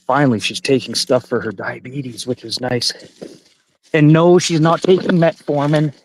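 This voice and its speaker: A man's voice: mid-range voice, fairly even intonation, moderate pace, poor audio. A Canadian man in his forties rambling casually and profanely on a live stream while hiking a forest trail. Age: 40s.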